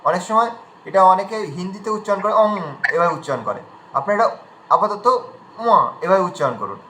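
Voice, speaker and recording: A man's voice: high voice, sing-song, fast talker, bright, forceful tone, roomy sound, slight background noise, rough recording. A man teaching pronunciation in an online class, patiently demonstrating sounds one at a time.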